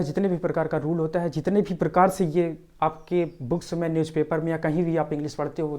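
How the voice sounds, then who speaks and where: A woman teaching pronunciation rules in a tutorial, repeating each point slowly and step by step. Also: lowish voice, dark tone. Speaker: English teacher.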